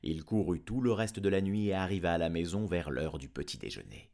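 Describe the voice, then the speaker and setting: A man narrating a storybook aloud in an expressive, dramatic reading. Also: deep voice, a little fast. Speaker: audiobook reader.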